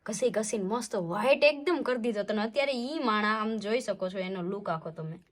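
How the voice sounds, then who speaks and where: A young woman, talking gently at home and cooing to a dog. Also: medium pitch, a little fast. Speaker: vlogger's wife. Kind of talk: casual home conversation.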